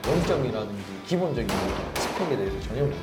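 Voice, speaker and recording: A man's voice: mid-range voice, expressive, racing. A man, a military veteran on a panel, speaking in a Korean military style that loosens into casual review talk. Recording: roomy sound with music behind.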